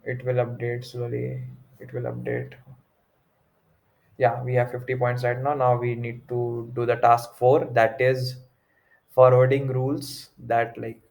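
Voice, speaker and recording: A young man with a North Indian accent giving an informal tech tutorial, haltingly thinking aloud as he works through the steps. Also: medium pitch, completely flat delivery, creaky, darkish tone. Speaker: tutorial presenter. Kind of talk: informal screen-recorded tech walkthrough.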